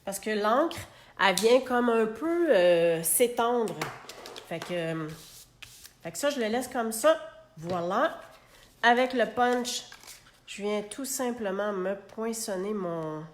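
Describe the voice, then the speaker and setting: Québécois woman, craft tutorial host, slow and chatty, roomy phone sound. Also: medium pitch, lively intonation, a little hiss or hum. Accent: Québécois French. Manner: chatty, talks to herself while working. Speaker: host of a live card-making demonstration. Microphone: phone held in a clamp.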